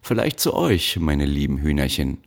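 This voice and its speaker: A man voicing a brutal factory overseer who shouts threats at child workers. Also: low voice, animated, a little slow, breathy edge, heavily acted. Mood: falsely sweet. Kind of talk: audiobook character voice.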